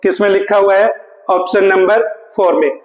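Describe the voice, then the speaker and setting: A male English teacher, running an exam-prep lesson, asking questions and answering them himself, reading English sentences slowly. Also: high-pitched. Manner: questions then answers himself, calls students "beta", reads English lines slowly. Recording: echoey room with long reverb.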